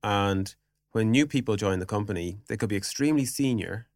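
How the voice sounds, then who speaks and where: A product executive appears as a podcast guest, explaining things informally in casual business talk full of fillers like "you know." His voice is on the low side and fairly quick, recorded at studio quality with no echo.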